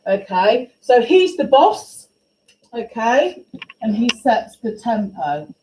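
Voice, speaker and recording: A woman teaching a class, her fairly high voice dark and mellow in tone. She questions and encourages her pupils briskly, recorded in an echoey classroom with faint room ambience. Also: sing-song, a little hiss or hum. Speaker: music teacher. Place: school classroom.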